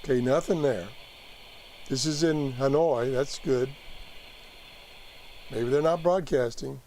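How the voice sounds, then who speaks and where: A man giving a casual live app tutorial as host, haltingly thinking aloud as he works through it. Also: medium pitch, darkish tone, a little hiss or hum, poor audio. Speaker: host demonstrating a radio app.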